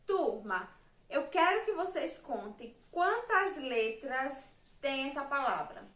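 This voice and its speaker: A woman teacher from Brazil giving a remote lesson to young children, counting letters and syllables slowly and patiently. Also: sits high, sing-song, a bit bright, roomy sound.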